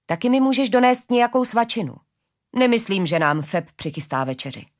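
A woman reading a story, voicing a grumbling, easygoing young male guard on night watch, with a low husky voice. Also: lively intonation.

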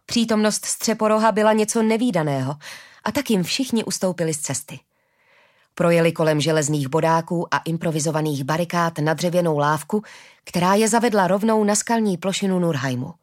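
A woman narrating a fantasy audiobook in a lively, expressive reading. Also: lowish voice.

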